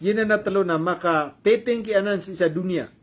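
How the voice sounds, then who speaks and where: A high-pitched man offers casual news commentary, speaking loosely with fillers and self-corrections. He reads English quotations slowly.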